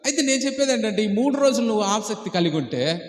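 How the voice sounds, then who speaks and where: A man's voice: sits high, animated, quick pace. A man preaching as a pastor, asking rhetorical questions and urging the congregation to answer aloud. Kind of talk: Telugu sermon on fasting prayer. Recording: echoey church hall reverb.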